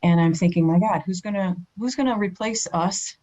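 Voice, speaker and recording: A woman's voice: medium pitch, moderate pace, mellow, low-quality recording. A woman speaking as a podcast guest in casual conversation, earnest, with fillers and restarts.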